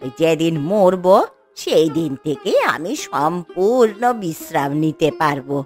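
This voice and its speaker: A woman's voice: sits low, lively intonation, a little slow, a little mellow, pitched below the performer's own voice. A woman doing a weary grumbling old grandmother. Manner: grumbling, sighing complaints. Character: weary scolding old grandmother, worried, gloomy. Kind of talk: animated cartoon voice acting. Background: faint music.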